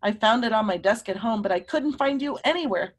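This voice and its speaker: A woman voicing a loyal, earnest male friend in a children's storybook, with measured delivery. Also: fairly high pitch, expressive. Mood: concerned, explaining. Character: loyal male friend, the man with the yellow hat.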